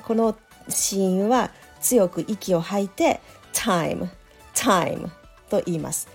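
A woman teaching English pronunciation in a casual spoken lesson, explaining step by step and saying example phrases slowly. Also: mid-range voice, dark tone, husky. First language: Japanese. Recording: faint background music.

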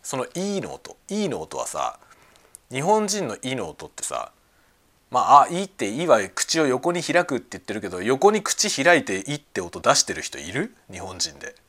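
A man hosting a casual podcast chat, talking excitedly at home while he cooks and eats lunch. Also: medium pitch, moderate pace. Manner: excited, talkative. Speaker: podcast host. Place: at home, cooking and eating lunch.

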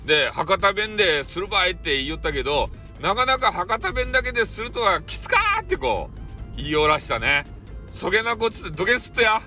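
A man with a Hakata dialect accent chatting casually on his own stream, teasing and jumping in pitch. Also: huge pitch swings, pushed and bright, soft background music. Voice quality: teasing, jumpy pitch, drawn-out dialect vowels. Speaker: audio streamer. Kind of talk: casual chat monologue.

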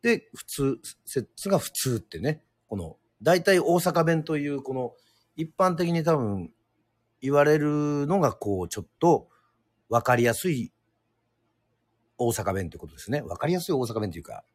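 A man from Yoron Island hosting a casual solo radio talk, speaking hesitantly with many fillers and pauses. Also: medium pitch, very animated, husky, no room sound, clean studio sound. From Yoron Island, Japan. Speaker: radio show host.

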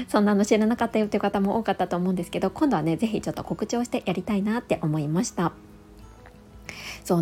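A woman in her thirties hosting a casual solo podcast, reading out listener comments in a friendly, chatty way with soft fillers. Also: a little high. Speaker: podcast host.

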